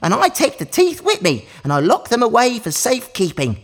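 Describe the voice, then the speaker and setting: A woman's voice: fairly high pitch, huge pitch swings, a little fast, husky, exaggerated voice. A woman voicing a boastful, gleeful magical tooth-collecting mouse for a children's story, exclaiming and giggling like an overbright party host. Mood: excited, playful. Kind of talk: children's storytelling for a listening exercise.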